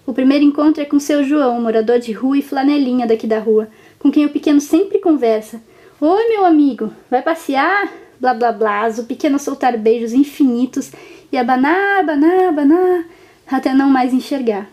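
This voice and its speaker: A woman, gently narrating a reflective personal story in short, lingering phrases. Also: high-pitched, brisk.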